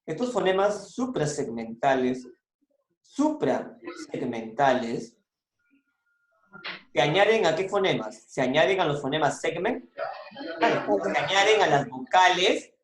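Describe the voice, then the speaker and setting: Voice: medium pitch, animated, normal speed, echoey room. A teacher giving an online class, patiently repeating points and prompting the students to answer.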